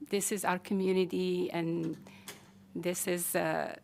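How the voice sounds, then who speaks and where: A woman from Algeria thanks a city council in a slow, flat voice with a gravelly edge. She speaks hesitantly and often restarts her sentences. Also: on the low side, slight background noise. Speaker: public commenter. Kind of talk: public comment at a council meeting.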